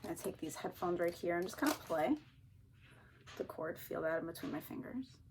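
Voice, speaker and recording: Calm woman guiding a grounding exercise, background noise. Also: lowish voice, a little fast. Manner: calm, gently instructing. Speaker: therapist teaching a technique.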